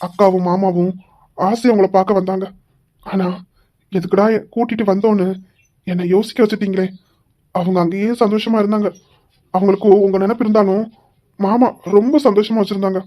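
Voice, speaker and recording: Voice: mid-range voice, steady tone, a little fast, long pauses, dark tone, close to an everyday voice. A performer voicing a regretful middle-aged man, a chairman, pleading with his elder sister in an amateur audio drama. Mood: remorseful. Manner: pleading, remorseful.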